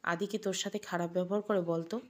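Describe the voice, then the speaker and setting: A woman's voice: fairly low pitch, fairly even intonation, quick pace, a little mellow, lightly acted. A woman voicing an affectionate mother-in-law in an audio story, talking in a tender, motherly way.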